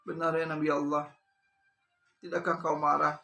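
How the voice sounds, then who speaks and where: A man voicing a remorseful woman who pleads and confesses in a hushed, halting way. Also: a little high, level tone, vocal fry. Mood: pleading.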